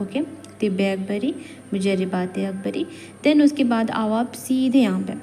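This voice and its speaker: A woman's voice: on the high side, dark tone. A woman teacher with a Kashmiri accent giving a classroom lecture, chatty and patient, mixing English words into her Hindi. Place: college lecture room. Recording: hall reverb, faint background noise.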